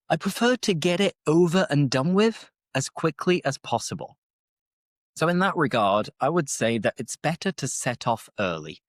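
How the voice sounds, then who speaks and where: A British English teacher hosts an English-learning podcast, chatting casually off the cuff and explaining phrases along the way in an unscripted teaching monologue. His voice is medium-pitched, and the studio sound is clean with no room echo.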